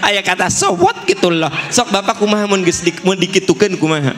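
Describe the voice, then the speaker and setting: A man preaching with a Sundanese accent, animated and joking, acting out quotes in shifting voices. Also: sits high, fairly quick, heavy background noise. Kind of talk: humorous sermon. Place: mosque.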